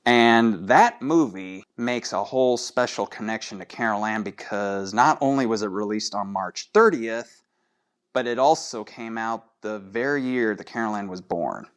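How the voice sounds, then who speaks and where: A man's voice: fairly low pitch, measured pace, clear, resonant tone. A man hosting a casual solo show of fan trivia, chatty and putting questions straight to his listeners. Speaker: podcast host.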